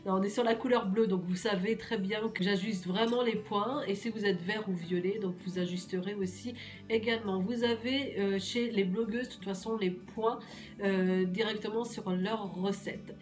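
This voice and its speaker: A woman from Normandy with a hoarse voice from a cold, chatting casually and reassuringly to her viewers about a weekly menu, with many fillers and repeats. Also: medium pitch, fairly even intonation, normal speed, darkish tone, faint music behind. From Normandy, France. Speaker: weight-loss menu vlogger.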